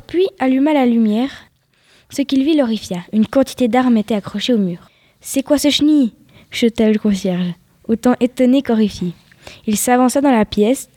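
A woman's voice: fairly high pitch, dark tone, no room sound. A woman reading a suspense story aloud, sometimes sinking into a whisper at tense moments. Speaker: story reader.

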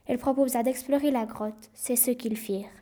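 A woman narrating a children's story aloud, with clear and expressive reading. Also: on the high side, moderate pace.

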